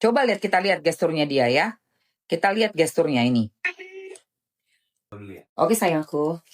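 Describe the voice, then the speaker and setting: A woman's voice: low voice, lively intonation, normal speed. A woman doing live-stream commentary in a dramatic, indignant way, often calling her listeners darling.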